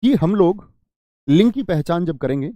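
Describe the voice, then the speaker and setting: A man's voice: sits high, animated, normal speed, dark tone, no room sound. A man teaching an exam-prep grammar lesson, who asks his students questions, answers them himself and repeats key phrases.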